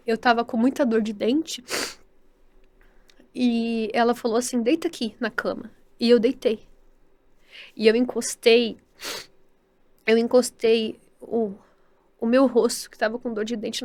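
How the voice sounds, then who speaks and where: A woman with a Brazilian Portuguese accent, a podcast guest telling her personal story in earnest, halting speech, often repeating words and asking for agreement. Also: a little high, darkish tone. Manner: devout, speaks of faith with feeling. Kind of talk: personal testimony in an interview.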